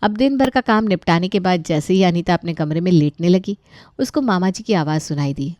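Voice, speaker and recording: A woman reads a scripted family story calmly and evenly. Her tone is mellow. The recording is dry and close. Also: fairly low pitch, a little fast, no room sound. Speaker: narrator.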